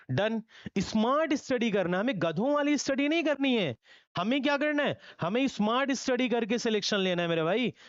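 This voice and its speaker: Guy teaching vocab, lively swoopy voice, keeps asking questions. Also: very high-pitched, dry recording, highs cut off. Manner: animated, repeats key phrases, asks students questions. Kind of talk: lively online classroom lesson.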